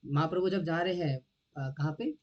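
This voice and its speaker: A man with a fairly high voice delivers a devotional lecture. He talks conversationally, often clears his throat, and keeps checking whether his listeners are following. The recording is somewhat dull and lo-fi. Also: moderate pace. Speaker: devotional teacher.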